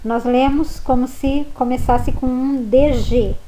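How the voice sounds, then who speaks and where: Woman teacher, slow patient delivery, mellow voice, faint hiss behind. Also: sits high, steady tone, poor audio. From Brazil. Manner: patient, spells letters and models words slowly. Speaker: language teacher. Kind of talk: slow spoken lesson.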